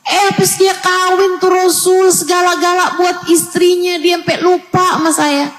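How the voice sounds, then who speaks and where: A woman's voice: extremely high pitch, little pitch movement, unhurried, fairly bright tone, soft background music. A woman preacher voicing an aging mother who complains that her married son forgot her. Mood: complaining.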